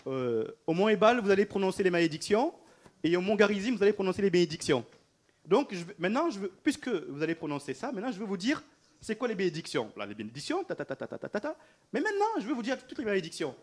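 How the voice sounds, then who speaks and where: A man preaching a sermon in an animated way, repeating phrases and laughing between them. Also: high voice, quick pace. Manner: animated, repetitive, often laughing mid-phrase.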